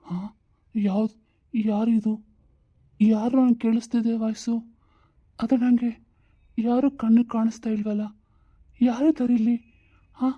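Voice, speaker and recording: A woman voicing an ailing old father, weary and longing for his late wife, speaking slowly and pleadingly. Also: a little high, flat delivery, dull audio.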